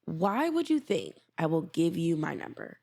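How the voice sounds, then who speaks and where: A woman's voice: fairly low pitch, big pitch swings, normal speed, gravelly, a little mellow. Frank, opinionated woman podcast co-host. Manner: frank and opinionated, mimics other people's lines. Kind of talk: casual chat.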